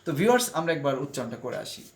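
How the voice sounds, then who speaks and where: A man teaching an online vocabulary lesson, who pronounces each word slowly and carefully and keeps addressing the viewers. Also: a little high, sing-song. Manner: slow careful word-by-word pronunciation drills.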